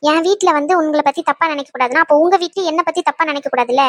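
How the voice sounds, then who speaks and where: A woman's voice: high-pitched, lightly acted. A woman voicing a young wife in a cartoon who scolds her husband in a hurt, indignant way. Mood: reproachful. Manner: reproachful, rapid and indignant. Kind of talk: cartoon voice acting.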